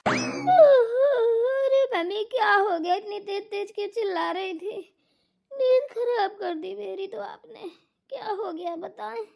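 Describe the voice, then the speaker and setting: A woman's voice: very high voice, expressive, takes it slowly, gravelly, a little mellow, exaggerated voice. A woman voicing a sleepy, complaining young sister-in-law in a cartoon comedy, whiny and sulky. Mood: cranky.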